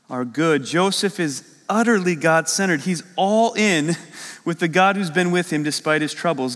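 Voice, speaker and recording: A man pastor preaching a sermon in an animated, emphatic way that rises with excitement. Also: sits high. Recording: long reverb of a large hall.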